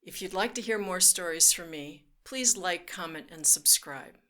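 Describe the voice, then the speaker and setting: This storyteller's voice sits on the low side, with a sharp tone and an ordinary speed. Addressing children directly, she reads a picture book in a sing-song manner and throws in playful vehicle noises during storytime.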